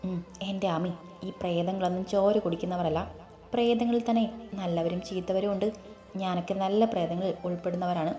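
A woman voicing a gentle, patient young male ghost in a storybook reading, explaining things calmly. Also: fairly low pitch, fairly quick, natural voice. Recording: echoey room, faint music.

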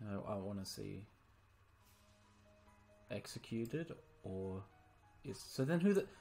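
A woman streaming an online game, swearing constantly and yelling in frustration at other players. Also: extremely low pitch, animated, slow, soft background music. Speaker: gaming streamer. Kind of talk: live commentary while playing an online game.

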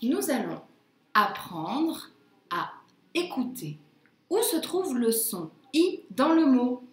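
A woman teaching a phonics lesson to young children, sounding out words slowly and carefully. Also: sits high, very animated, roomy sound. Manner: slow, careful, drawn-out word pronunciation.

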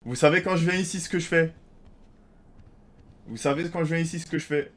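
A man with a French accent playing a role-play game, loud and swearing. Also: a little high, fairly even intonation, a little fast. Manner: loud, swearing, laughing a lot. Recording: noisy stream with crowd of voices.

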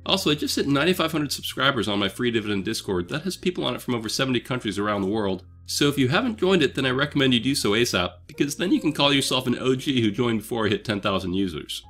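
Reading a scripted but conversational explainer, a man who hosts a dividend investing channel walks through things step by step in an upbeat way. He's slightly sick, so his mid-range, slightly bright voice is a bit off, though still animated and quick with few pauses. Soft music plays in the background.

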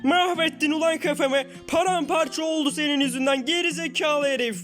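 Performer as angry young man, insulting, threatening, high pitch, cartoon parody, faint music. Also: steady tone, fairly quick, fairly bright tone. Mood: furious. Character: furious hot-headed young man, bullied victim.

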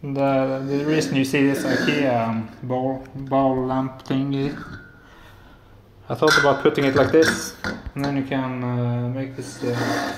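Very noisy audio carries a medium-pitched, level-toned man speaking at a measured pace. He's a hobbyist maker in his thirties from Norway, with a Norwegian accent, giving a casual tech demo of his home electronics build while soft-spoken, hesitant and full of filler sounds, in an echoey indoor apartment living room and kitchen.

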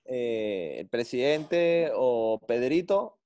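A middle-aged man, a former footballer telling blunt, animated stories in an interview. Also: mid-range voice, drawn-out words. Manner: blunt, animated storyteller with slang. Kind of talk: interview storytelling.

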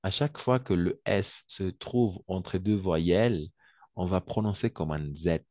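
Low-voiced, slow, patient French teacher. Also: male voice, darkish tone, dry recording. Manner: slow, patient, repeats words and switches to Spanish to translate. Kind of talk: online language lesson.

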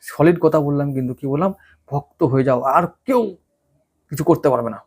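Guy doing a chatty weekly horoscope, a bit high voiced, asks himself questions as he goes. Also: brisk, a little mellow. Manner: chatty, folksy, with fillers and rhetorical questions. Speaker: astrologer. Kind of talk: casual horoscope talk.

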